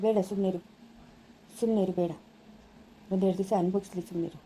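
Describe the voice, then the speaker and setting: A woman's voice: mid-range voice, steady tone, fairly quick, warm tone, slight background noise, lightly acted, rough recording. A woman voicing a cautious, firm husband who lectures his wife.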